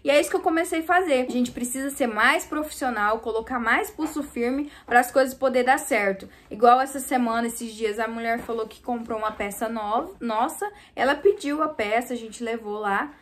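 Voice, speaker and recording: A woman's voice: on the high side, moderate pace, hardly any pauses. A woman with a Brazilian Portuguese accent, a small clothing store owner, chatting casually and venting to her viewers. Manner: chatty, venting, often addresses viewers directly. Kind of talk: casual vlog storytelling.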